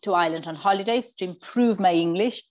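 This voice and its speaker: A woman's voice: medium pitch, fast talker, a little mellow. A woman in her forties from Spain with a Spanish accent, a riding coach chatting in an interview, often repeating words as she restarts. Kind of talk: casual interview.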